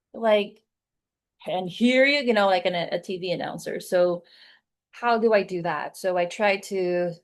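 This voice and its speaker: Filipino lady in her 40s chatting through a presentation, lots of ums and likes, acts out little quotes. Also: mid-range voice. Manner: chatty, many fillers, acts out quoted lines. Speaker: content creator giving a talk. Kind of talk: conversational webinar presentation.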